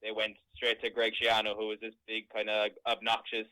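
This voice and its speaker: A man's voice: fairly low pitch, monotone, a little fast, pushed and bright, smooth, no echo, rough recording. A man with a Cork accent chatting casually about sport as a podcast co-host, explaining in a rambling, conversational way. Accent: Cork, Irish.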